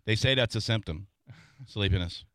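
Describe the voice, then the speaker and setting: A man's voice: fairly low pitch, normal speed, fairly bright tone, no echo. A man hosting a radio show, chatting and joking offhand with callers and his co-host. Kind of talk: morning radio banter. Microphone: studio microphone.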